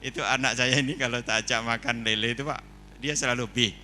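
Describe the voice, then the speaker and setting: A man giving a lively, humorous seminar talk indoors, telling stories and putting questions to the audience. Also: mid-range voice, fast talker, a little hiss or hum. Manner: animated storyteller, asks the audience questions. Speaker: seminar speaker.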